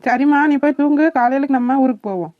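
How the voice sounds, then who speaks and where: A woman voicing a kindly, fatherly village uncle in a cartoon, talking gently to a crying girl. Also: sits high, fast talker, dry recording, close to an everyday voice. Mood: caring. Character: kindly village uncle, tired after work. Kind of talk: cartoon voice acting. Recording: dull, dry lo-fi sound.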